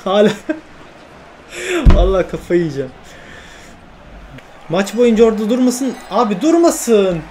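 A young man commentating his own football video game play, shouting at teammates between frustrated and joking remarks. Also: high-pitched, big pitch swings, unhurried, long pauses, slight background noise. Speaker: gaming YouTuber.

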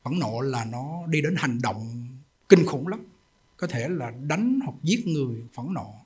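A man's voice: medium pitch, lively intonation, a little slow, a little mellow, slightly rough. A man, a Buddhist monk giving a sermon in an emphatic, folksy storytelling way with rhetorical questions.

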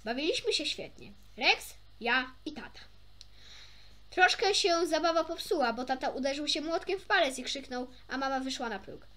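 An amateur reader, a young woman, tells a children's story at normal speed in a high, bright, forceful voice with lively intonation. The reading is casual and expressive, dotted with stumbles, self-corrections and chatty asides.

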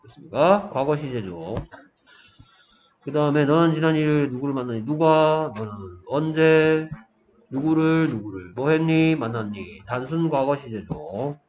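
A man teaches English grammar in a fairly high, darkish voice with lively intonation, at a moderate pace. The audio is dull, with echo and faint background noise, and he keeps checking in with students while asking and answering his own questions.

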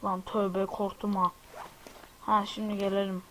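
This let's-play commentary comes from a man with a high-pitched, completely flat voice that sounds pushed and bright. He's unhurried and chatty, addressing his viewers and exclaiming at anything that startles him. The recording is poor, with a little hiss or hum.

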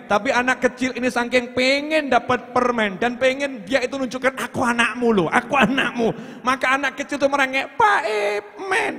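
A man preaching a sermon. He chants lines of devotional poetry between plain explanations and swings between loud cries and quiet, low asides. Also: long reverb tail.

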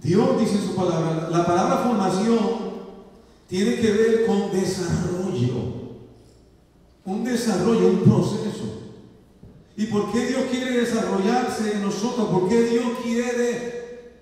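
A man's voice: high voice, takes it slowly, mellow. A male pastor preaching a sermon to his congregation, asking them for amens and acting out the voices in his story. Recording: echoey hall, voice from far off.

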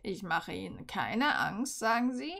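A woman reading aloud and voicing a cold, mocking male teacher in a slow, lowered voice. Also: very animated, gravelly, a bit bright, exaggerated voice. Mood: menacing. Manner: slow, low, sneering.

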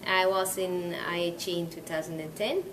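A woman from Brazil giving a friendly, steady testimonial to camera. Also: fairly low pitch, normal speed, a little hiss or hum, poor audio. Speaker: course participant.

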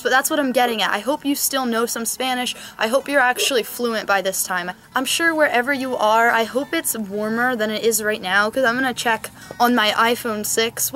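A nineteen-year-old woman vlogs outdoors in a cold, sunny yard, talking to the camera in a chatty, earnest way with quick asides. Her voice sits on the high side and is a bit bright, picked up by a camera mic at medium-shot distance.

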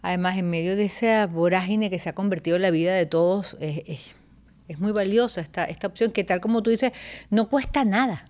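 A woman's voice: mid-range voice, fairly quick, darkish tone. A woman, a radio host asking thoughtful, conversational questions in an interview.

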